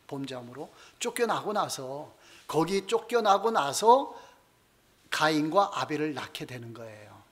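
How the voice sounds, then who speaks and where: A male pastor gives a Bible study sermon in a church. He asks his congregation questions, answers them himself, and slows down and softens his voice to close each point. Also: fairly high pitch, sing-song. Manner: slows down and drops softer to end key points.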